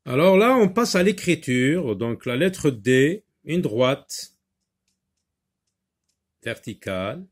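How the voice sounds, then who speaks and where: A man's voice: mid-range voice, sing-song, slow pace, long pauses. A man teaching a reading and handwriting lesson, patiently talking the class through each step.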